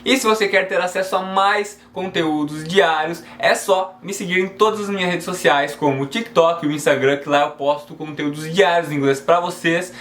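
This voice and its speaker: Brazilian man teaching English, slightly high voice. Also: a bit bright, reverberant, a little hiss or hum. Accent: Brazilian Portuguese. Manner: friendly, keeps checking in with "beleza?"; reads English examples slowly and carefully. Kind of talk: casual online lesson.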